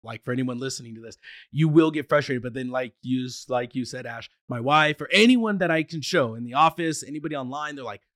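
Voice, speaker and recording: A man's voice: medium pitch, brisk, a bit bright, no echo, clean studio sound. A man who stutters at times, talking casually as a podcast guest. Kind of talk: casual conversation.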